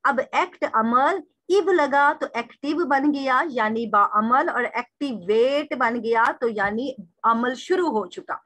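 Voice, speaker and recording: Woman lecturer, high voice, dry close sound. Poses her own questions and answers them, drills example words slowly. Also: a bit bright, dry recording. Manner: addresses listeners as "sir" in a formal way. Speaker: teacher. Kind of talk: recorded lecture reading through a text.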